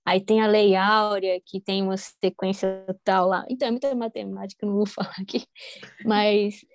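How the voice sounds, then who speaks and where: A woman's voice: medium pitch, flat delivery, normal speed. A woman, talking casually as a musician guest, rambling with many fillers and restarts. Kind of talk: casual conversation.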